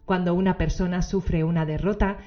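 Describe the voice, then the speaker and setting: A woman's voice: on the low side, steady tone, normal speed, dark tone. Woman podcast host, dull lo-fi recording. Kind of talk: solo podcast book summary, semi-scripted narration. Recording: dull lo-fi audio, faint music behind.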